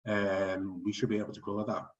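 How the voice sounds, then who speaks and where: A man with a low voice chairs an online forum over a video call. He talks in a loose, chatty way, full of ums and small jokes. He sits back from the mic, and the sound comes through muffled and dull. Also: completely flat delivery, brisk, recorded from a distance. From England. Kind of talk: online meeting chat.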